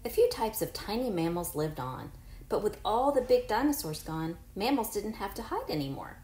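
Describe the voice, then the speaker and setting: A woman in her forties, a teacher, reads a picture book aloud to young children, encouraging them, adding chatty asides and asking the unseen kids questions. Her medium-pitched voice is sing-song and darkish at normal speed. The recording has roomy echo and faint noise.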